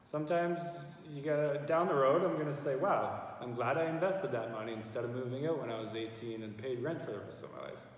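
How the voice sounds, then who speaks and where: A man's voice: medium pitch, brisk, hardly any pauses, recorded from a distance, a little hiss or hum. A young man chatting casually and jokingly as a channel host, reading out comments and often laughing. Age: young adult. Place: indoor pool room with stone walls. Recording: echoey, reverberant room, off mic.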